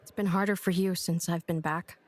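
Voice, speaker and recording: A woman's voice: lowish voice, steady tone, a little fast, natural voice. Actress as a blunt young woman with a dry, teasing, direct delivery, for an audio drama. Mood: earnest. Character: blunt, sarcastic young woman, grieving sister. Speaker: [name].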